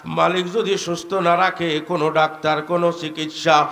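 A man's voice: a little high, level tone, moderate pace, creaky, a bit bright, big-room sound. A man preaching a sing-song sermon, calling on the crowd to respond, speaking into a microphone at an outdoor tent gathering. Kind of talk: chanted Islamic sermon.

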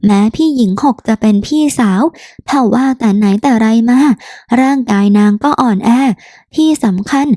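A woman voicing a tearful, meek young noble girl in an audiobook, pleading softly as if crying. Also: a little high, moderate pace, no echo, clean studio sound, close to an everyday voice. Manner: pleading, soft, self-pitying. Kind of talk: audiobook character voice.

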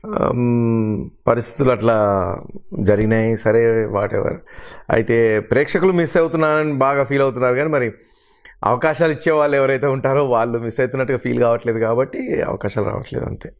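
A man's voice: medium pitch, steady tone, fairly quick. A middle-aged man, a mimicry artist and actor, talking earnestly and with hurt feelings in an interview, listing the roles he has played. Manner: earnest, aggrieved, lists his roles at length. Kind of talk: emotional interview talk.

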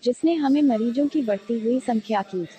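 A woman's voice: a little high, normal speed, warm tone, faint music behind. A woman reading a formal news voice-over. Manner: formal read delivery. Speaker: news narrator.

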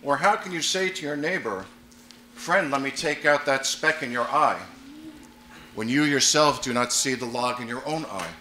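A man serving as priest, reading the gospel at Mass in a measured, solemn way, with a cathedral echo around his voice. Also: medium pitch, sharp tone, slight background noise. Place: large church. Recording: echoey church, voice from afar.

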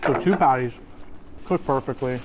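A man's voice: medium pitch, moderate pace, background noise. A man, a sports reporter, asking upbeat, joking questions in a casual interview. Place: restaurant.

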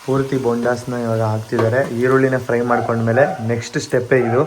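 A man's voice: mid-range voice, level tone, fast talker, noisy background. A man hosting a cooking vlog, talking viewers through each step in a home kitchen. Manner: chatty, keeps narrating steps to viewers. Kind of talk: casual chat to viewers. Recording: home kitchen with sizzling pan.

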